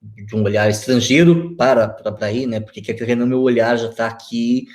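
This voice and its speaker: A man's voice: medium pitch, brisk. A Brazilian man in his forties, a guest on a video-call interview, talking reflectively with many fillers and restarts. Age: 40s.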